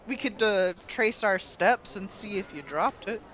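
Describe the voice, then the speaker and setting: A man's voice: high voice, expressive, unhurried, fairly bright tone, a little hiss or hum, low-quality recording. A man chatting casually and tentatively as a player in a tabletop role-playing game.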